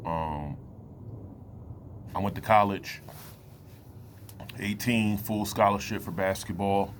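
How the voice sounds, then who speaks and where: Deep-voiced man in his late thirties, halting. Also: a little hiss or hum. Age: 30s. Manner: loose, halting, with many fillers and pauses. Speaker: vlogger. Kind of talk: reflective personal talk to camera.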